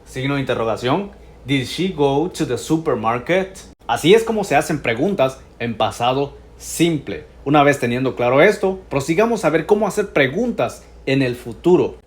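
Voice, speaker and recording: A man teaching English grammar in Spanish, patiently going over each example and repeating the English phrases slowly. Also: medium pitch, lively intonation, reverberant.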